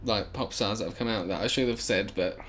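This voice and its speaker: A man co-hosting a relaxed podcast chat. He jokes around and does not take himself too seriously, sliding puns into his talk. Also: fairly low pitch, brisk, a little hiss or hum. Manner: jokey, self-deprecating, fond of puns. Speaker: podcast co-host. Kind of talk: casual chat.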